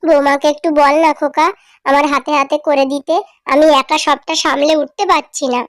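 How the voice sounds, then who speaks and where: A woman voicing a frail, meek elderly mother-in-law in a cartoon drama, speaking softly and pleadingly. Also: high-pitched, flat delivery, no room sound, studio quality, natural voice. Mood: aggrieved. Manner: pleading, soft and slow. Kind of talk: cartoon voice acting.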